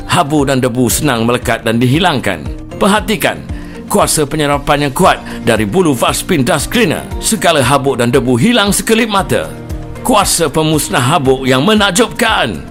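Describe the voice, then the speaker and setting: A man's voice: a little high, a bit bright. A man with a Malaysian accent delivering an emphatic, promotional infomercial voice-over as a home-shopping announcer.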